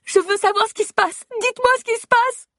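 A woman's voice: very high-pitched, brisk, sharp tone, dry recording, clean studio sound, voice pushed up. A woman voicing a distraught young wife who screams and pleads for help. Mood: frantic. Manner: frantic, pleading, sobbing.

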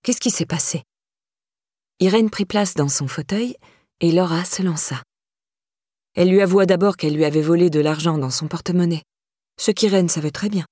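Audiobook narrator, woman, measured delivery, low husky voice. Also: dark tone, no echo, studio quality. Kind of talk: scripted narration.

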